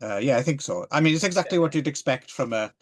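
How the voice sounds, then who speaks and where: A podcast co-host with a medium-pitched, animated voice talks fast, chatting casually and rambling about films. His talk is full of hesitations and asides.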